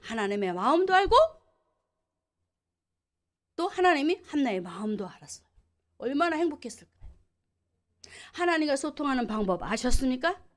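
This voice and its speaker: A woman's voice: sits high, sing-song, normal speed, pauses often. Emphatic woman pastor preaching. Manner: emphatic, rhetorical questions to the congregation. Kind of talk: sermon.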